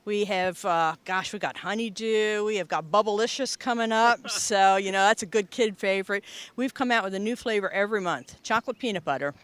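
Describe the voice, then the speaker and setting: A woman's voice: medium pitch, a little fast, fairly bright tone, smooth, no room sound. A woman from near Philadelphia with a Philadelphia accent, chatting as a shop owner in a casual interview, laughing easily. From Pennsylvania, near Philadelphia.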